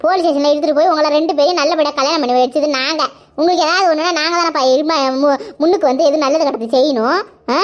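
A woman's voice: high voice, fast talker, lo-fi sound, lightly acted. A woman voicing a motherly neighbor in a cartoon who lectures a young man. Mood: chiding. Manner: lecturing, chiding.

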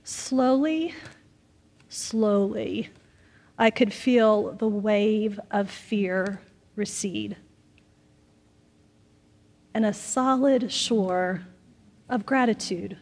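A woman pastor preaching a sermon in a measured way, letting her phrases trail off softly. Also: medium pitch, fairly even intonation. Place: church sanctuary. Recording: long reverb of a church sanctuary.

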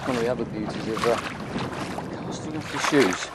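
This is a man of medium pitch speaking fairly quickly, a vlogger rambling chattily and without a script while filming his walk on an open beach at low tide. His handheld camera's built-in microphone picks up the outdoor scene, including clear wind and water noise.

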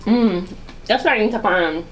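A woman's voice: mid-range voice, normal speed, a little hiss or hum. A young woman vlogger from Virginia chatting casually and slangily to her camera, talking with her hand at her mouth. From Virginia, United States. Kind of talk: casual mukbang chat. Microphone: camera on a stand.

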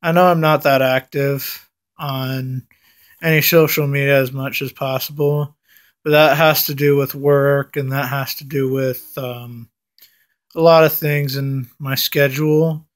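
A young man talking casually to his vlog viewers after having his wisdom teeth out, mouth packed with gauze, subdued and halting, recorded at arm's length indoors. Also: mid-range voice, steady tone. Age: young adult. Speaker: vlogger. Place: indoors at home, close up. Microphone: phone or camera at arm's length.

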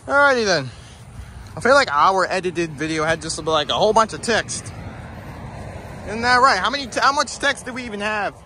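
A man vlogging outdoors near the woods in a rough morning voice, bantering, grumbling and joking as he talks. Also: sits high, lively intonation, moderate pace, sharp tone, a little hiss or hum. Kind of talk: casual outdoor vlog chat.

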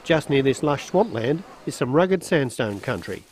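A man's voice: medium pitch, sing-song, moderate pace, a little mellow, a little hiss or hum. An Australian man narrating a travelogue as presenter, reading scripted voice-over. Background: music under voice-over.

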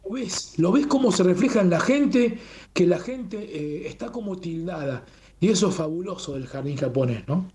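A man's voice: sits high, lively intonation, normal speed. A man with a Rioplatense Spanish accent, guest in a radio interview, talking with enthusiasm and often adding a questioning "¿no?". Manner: warm, enthusiastic, fond of rhetorical "¿no?". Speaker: guest, communications manager of a Japanese garden.

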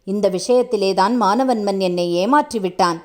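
Woman voicing a proud male king, stern, measured, reproachful, storybook reading, mid-pitched voice. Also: darkish tone, lightly acted. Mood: commanding.

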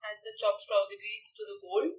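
With faint music in the background, a young woman chef instructor demonstrates a recipe step by step at a moderate pace. Her pitch is medium and her tone level, and "okay" and "right" come up often. The large teaching kitchen sounds echoey, and she is distant from the mic.

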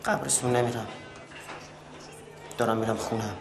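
An actor playing an emotional grown son in a TV drama who pleads and sulks, swinging between tears and shouting. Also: male voice, mid-range voice, steady tone, vocal fry, over music, lightly acted. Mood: sulky. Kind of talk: TV drama acting. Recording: crowd noise behind.

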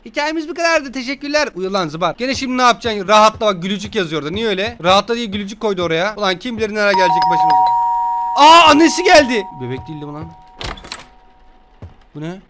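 Young man, gamer commentary, high bouncy voice, joking, rough slang. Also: expressive, quick pace, noisy background. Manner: joking, cursing, scolding a game baby. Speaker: gaming streamer. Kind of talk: casual let's-play commentary.

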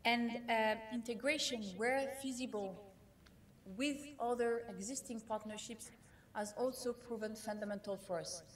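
Non-native English-speaking woman, keynote speaker, slightly high voice, measured with filler pauses. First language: not English. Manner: measured, with frequent fillers and restarts. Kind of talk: conference keynote talk.

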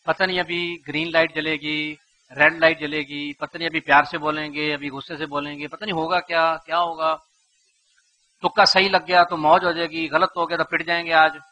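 High, very bright male lecturer. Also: level tone. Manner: rhetorical, asks the audience questions, acts out parents' lines. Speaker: motivational speaker. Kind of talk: lecture to a live audience.

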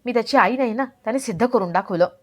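A hurt, withdrawn stepmother who talks in a subdued, quiet voice, as a woman narrator puts her on. The pitch stays fairly high. The delivery is soft and muted rather than acted out. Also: quick pace, close to an everyday voice. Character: grieving middle-aged stepmother, hurt and withdrawn.

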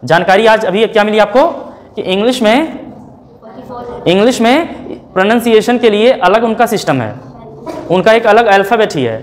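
A male English teacher giving a classroom lecture, spelling words out slowly sound by sound and firing rhetorical questions at his students. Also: high voice, animated.

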